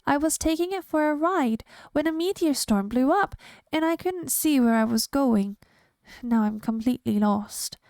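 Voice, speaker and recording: A woman voicing a small, lost green alien boy with a squeaky, shaky voice. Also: expressive, moderate pace, a little mellow, dry recording, studio quality. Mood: sad, lost.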